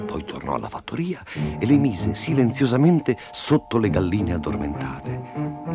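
Man reading a storybook expressively. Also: medium pitch. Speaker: narrator.

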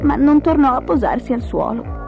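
A woman reading a children's storybook aloud in an expressive, animated way. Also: high-pitched, moderate pace, gravelly, narrow, tinny audio. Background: music.

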